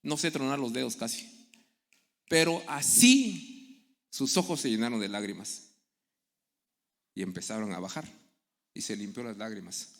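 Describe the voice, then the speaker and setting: A man's voice: medium pitch, animated, unhurried, long pauses. A middle-aged man preaching a sermon, telling stories and acting out the people in them. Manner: storytelling, acting out quoted voices. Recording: echoey hall with long reverb.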